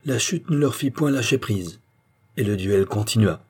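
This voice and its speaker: A man reads a short story aloud with measured, expressive delivery. His voice is low and somewhat husky. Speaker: narrator. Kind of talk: dramatic reading of a short story.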